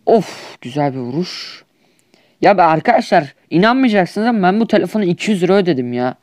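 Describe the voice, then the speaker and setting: A man's voice: high voice, lively intonation, fairly quick, a little mellow, dry recording, clean studio sound. A young man with a Turkish accent, trash-talking over mobile shooter gameplay in a whiny, exasperated comedic skit. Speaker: gaming YouTuber.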